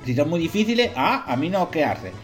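A man's voice: a little high, sing-song, fairly quick. A man with a Castilian Spanish accent hosting a podcast in a casual, rambling, jokey way, swearing freely. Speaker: podcast host. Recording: music playing behind the voice. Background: background music.

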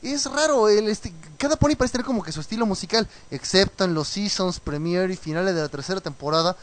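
A man hosting a radio show, chatting casually and reading listener messages with animated, mocking asides, troubled by a cough. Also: high-pitched, quick pace. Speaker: radio host. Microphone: studio mic with headphones.

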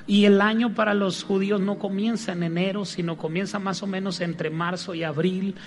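A man's voice: sits high, steady tone, normal speed. A man preaching a sermon with humor, getting the congregation to repeat his lines to each other.

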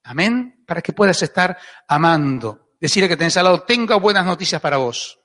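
A man's voice: high voice, expressive, brisk, a bit bright. A man with an Argentine accent preaching a sermon as pastor, emphatic and repetitive, often asking "¿eh?". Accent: Argentine Spanish. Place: church hall. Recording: echoey church hall.

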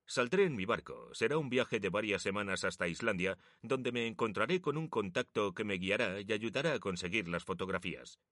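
A man's voice: on the low side, expressive, a little fast, few pauses, fairly bright tone, no echo, clean studio sound. A man voicing a proud young photographer who talks earnestly and jokes with his brother. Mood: resolute. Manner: earnest, sometimes teasing.

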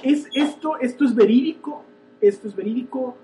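A young man with a Mexican accent, co-hosting a comedy podcast and telling stories in an animated, playfully exaggerated way. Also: very high voice, moderate pace, noisy background. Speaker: podcast co-host. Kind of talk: joking podcast banter.

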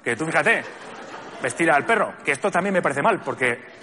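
Spanish comedian, deadpan and lively pitch. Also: male voice, moderate pace. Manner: deadpan, lists grievances, acts out quoted people. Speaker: stand-up comedian. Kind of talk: stand-up monologue. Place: theatre stage with live audience. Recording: stage mic with audience laughter and noise.

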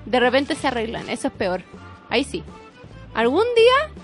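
A woman's voice: fairly high pitch, a little fast, soft background music. A young Chilean woman co-hosting a casual talk show, blunt and teasing with mock exasperation. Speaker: co-host. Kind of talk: casual banter.

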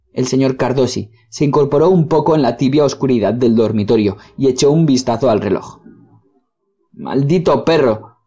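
A man narrates a story in a measured, solemn manner, his voice dark and mellow at an ordinary pitch. The recording has a dull, muffled, lo-fi sound. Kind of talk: audiobook reading.

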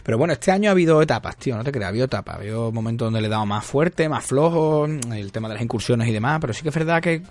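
A man from Spain co-hosting a casual gaming podcast, rambling and animated, with a Spain Spanish accent. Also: mid-range voice, racing, few pauses. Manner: rambling, animated, calls his co-host "tío". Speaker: podcast co-host.

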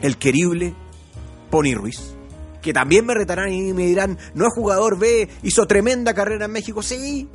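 A man's voice: high voice, normal speed, soft background music. A man with a Chilean accent talking football nostalgically, with enthusiastic exclamations and firm opinions. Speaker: football show presenter.

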